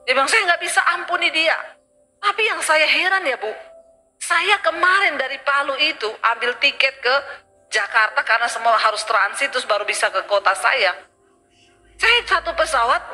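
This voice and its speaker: A woman's voice: high voice, pushed and bright. A woman pastor preaching a sermon, telling a story and acting out the dialogue.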